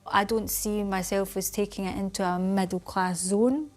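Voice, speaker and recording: A woman's voice: mid-range voice, fairly even intonation, normal speed, darkish tone, soft background music. A woman speaking as a vocal coach, articulate and explanatory. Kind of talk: elocution instruction.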